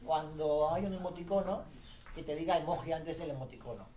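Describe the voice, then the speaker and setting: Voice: mid-range voice, fairly quick, crowd noise. An adult presenter, patiently explaining phone features to a group in casual conversation and checking that everyone follows. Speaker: presenter at a users' meetup. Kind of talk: casual explanatory demo talk. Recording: roomy, distant with background noise.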